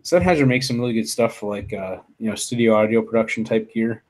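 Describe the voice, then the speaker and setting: Talking fast in a fairly low, slightly mellow voice, this livestream host rambles from his home office into a desktop USB studio mic. His casual chatter is packed with fillers, restarts, and mild cursing.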